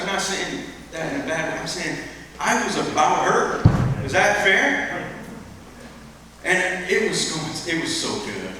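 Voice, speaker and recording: A man's voice: mid-range voice, bright, forceful tone. A man giving an earnest storytelling talk at a retreat, who repeats phrases and checks in with his listeners. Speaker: retreat speaker. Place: large hall at a winter retreat. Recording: echoey hall, distant mic, ambient noise.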